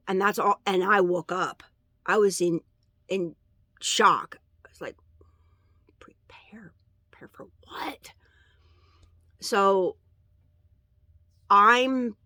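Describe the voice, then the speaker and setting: Slow, halting soft-spoken woman. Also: mid-range voice, no echo, studio quality. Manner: halting, with many fillers and pauses. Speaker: vlogger sharing a dream. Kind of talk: casual religious testimony.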